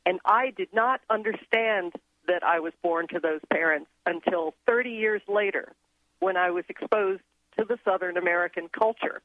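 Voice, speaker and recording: A woman who grew up in Thailand, a guest on a radio show, explaining her ideas in an earnest, steady way. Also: fairly low pitch, normal speed, no room sound. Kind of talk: casual radio interview. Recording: tinny phone line.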